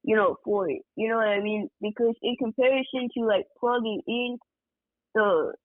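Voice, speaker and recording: A man's voice: sits high, moderate pace, no room sound. Laid-back man on a tinny phone line. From Georgia, USA. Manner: relaxed, rambling, many fillers like "like" and "you know". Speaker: guest music producer. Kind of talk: casual interview chat.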